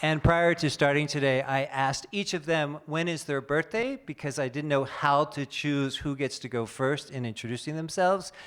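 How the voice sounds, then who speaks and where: A man's voice: fairly high pitch, normal speed, few pauses, fairly bright tone, smooth. A man moderating a conference panel, introducing the panelists in a friendly, lightly joking way. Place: conference hall stage.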